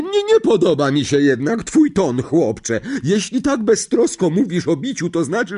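A man voicing a loud, bossy, bullying middle-aged aunt with a barking, scolding manner. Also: sits high, breathy edge, pitched above the performer's own voice, full character voice.

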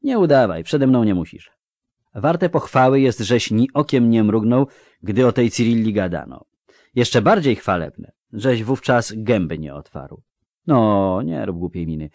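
A male audiobook narrator voicing a loud, commanding, coarse male dwarf officer in a storybook reading. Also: on the low side, animated, unhurried, no echo, clean studio sound, voice pushed up. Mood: confiding.

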